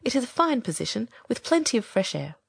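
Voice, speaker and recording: A small male storybook swallow, acted by a woman, blunt, vain and impatient. The delivery swings widely in pitch and has a husky edge. He talks briskly and gives opinions on everything, in a dry, close recording. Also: big pitch swings, no echo, heavily acted. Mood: self-satisfied. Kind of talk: storybook character reading.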